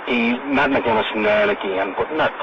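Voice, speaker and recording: A man's voice: mid-range voice, sing-song, moderate pace, gravelly. A middle-aged man with a Belfast accent talking as an informant in a secretly recorded conversation, often checking with "right?". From Northern Ireland. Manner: tags phrases with "right?" and "you know". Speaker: informant being interviewed. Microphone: hidden microphone. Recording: muffled hidden-mic tape with loud noise.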